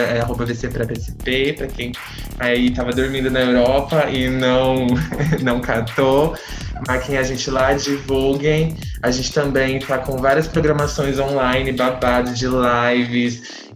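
A Brazilian man hosting a casual podcast chat, talking in a slangy, effusive way. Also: mid-range voice. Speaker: podcast host. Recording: roomy echo, faint music behind.

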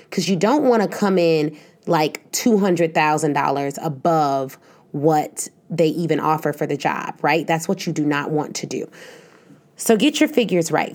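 A woman's voice: low voice, a little mellow. A woman career coach hosting her own show, giving casual, emphatic advice and peppering her talk with "like" and asides.

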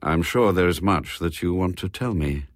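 A man doing a calm, low, mysterious gentleman. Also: normal speed, no echo, clean studio sound, natural voice.

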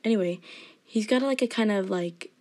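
A teenage girl talks through her day in a loose, chatty vlog. Her delivery is mostly even and a little monotone, and she strings thoughts together with constant fillers. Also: mid-range voice, moderate pace. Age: teens. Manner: rambling, filler-heavy talk with frequent "like"; self-described monotone delivery. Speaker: student vlogger. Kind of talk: casual vlog chat.

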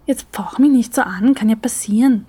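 Woman playing snippy defensive young flatmate, husky, dry storybook read. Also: on the high side, moderate pace, no room sound. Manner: snippy, annoyed.

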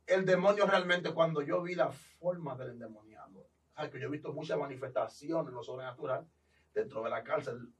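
A man's voice: on the high side, brisk, far from the mic, poor audio. A man with a Dominican accent, a pastor animatedly telling his testimony and acting out the voices in it. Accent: Dominican Spanish. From Dominican Republic. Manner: animated, acts out quoted voices. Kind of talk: testimony storytelling.

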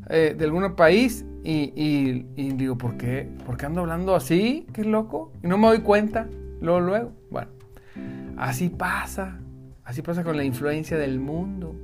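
A Bible teacher, giving devotional teaching in an animated, conversational and emphatic way. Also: medium pitch.

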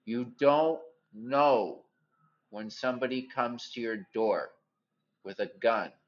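A man with a gravelly smoker's voice giving a candid, theatrical, rambling personal monologue as a host, in a wordy way. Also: mid-range voice, takes it slowly, dull audio.

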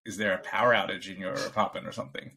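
A young man from Bangladesh co-hosting a casual podcast, rambling through stories and acting out what others said. His voice sits a little low but has a bright, forceful tone. He laughs often. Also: steady tone, very fast, vocal fry, husky. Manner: rambling, laughs often, acts out quoted dialogue. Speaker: podcast co-host. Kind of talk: casual chat.

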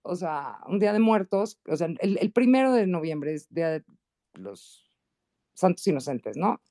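A woman with a Mexican accent, a guest and columnist, telling anecdotes in a casual podcast chat, lively and often jumping into high quoted voices. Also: moderate pace.

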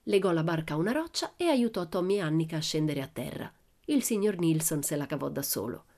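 A woman narrating a children's storybook in a steady, even storytelling manner. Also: low voice, brisk. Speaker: audiobook narrator. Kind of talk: storybook reading.

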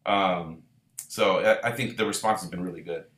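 A man's voice: low voice, moderate pace, roomy sound. A man from Israel who leads a band, talking at length in a casual interview with many fillers and restarts. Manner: relaxed, rambling, many fillers. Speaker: band leader.

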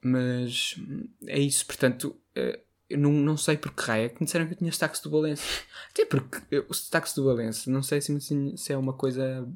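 A man's voice: medium pitch, steady tone, fairly quick. A young man from northern Portugal co-hosting a casual podcast chat, rambling and correcting himself as he goes. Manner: rambling, self-correcting, laughs often. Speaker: podcast co-host.

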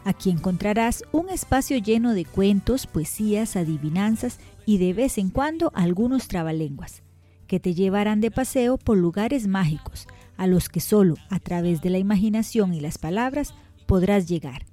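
A woman who hosts and narrates children's stories in an expressive storytelling manner. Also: medium pitch, moderate pace, soft background music. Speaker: storyteller host.

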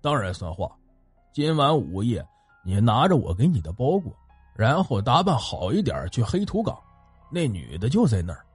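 A man voicing a stern older male Taoist master who speaks low and curt, with a husky voice in a dry recording. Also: sing-song, normal speed, no echo, soft background music. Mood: gruff, dry.

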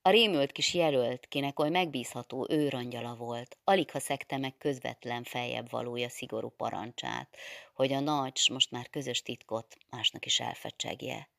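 A woman narrating a literary audiobook with a measured, steady reading. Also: very deep voice, creaky, no echo, clean studio sound.

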